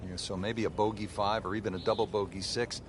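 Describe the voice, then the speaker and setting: A man working as lead golf commentator, calling play in a measured broadcast delivery with folksy turns of phrase. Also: on the low side, fairly even intonation, background noise, natural voice.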